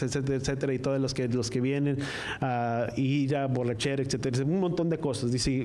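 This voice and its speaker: A man preaching a sermon to a congregation, reading scripture slowly line by line and asking the listeners to repeat after him. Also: medium pitch, darkish tone, a little hiss or hum. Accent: Spanish-speaking, from the US-Mexico border. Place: church service, also streamed online.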